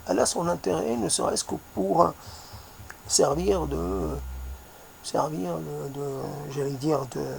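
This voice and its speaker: A man with a noticeable accent, speaking softly in a reflective monologue, pausing often and searching for his words. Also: fairly high pitch, creaky, slight background noise. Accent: foreign accent in French. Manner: hesitant, searching for words, many fillers; soft-spoken.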